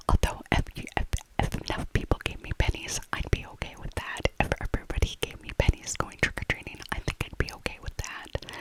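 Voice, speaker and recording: A middle-aged American woman who makes ASMR videos chats nostalgically in a soft, breathy whisper for a casual voiceover, often repeating her phrases. The audio quality is poor.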